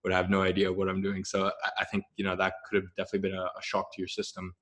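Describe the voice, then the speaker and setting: Rambling young man, low voice. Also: completely flat delivery, rapid-fire, fairly bright tone. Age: young adult. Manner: rambling, lots of fillers and restarts. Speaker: host and coach of a marketing program. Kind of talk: casual talk, then interview.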